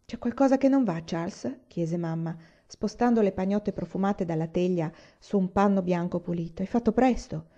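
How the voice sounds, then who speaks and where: A woman voicing an anxious, gentle pioneer mother, in a slightly dull lo-fi recording. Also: mid-range voice, normal speed, hardly any pauses, close to an everyday voice. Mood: concerned.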